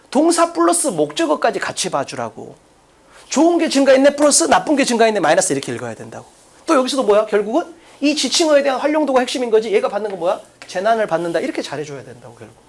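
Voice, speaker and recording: Man, english teacher, exam-prep lecture, classroom, rapid delivery, animated pitch, blunt, crude slang, rhetorical questions. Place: classroom in front of a blackboard.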